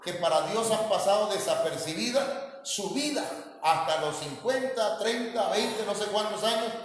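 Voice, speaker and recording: A man's voice: high-pitched, animated, normal speed. A man with a Mexican Spanish accent, a pastor preaching a sermon to his congregation, calling them brothers and saying amen often, with many fillers. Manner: addresses congregation as hermanos, frequent amén and fillers. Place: church hall. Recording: very echoey church hall with long reverb.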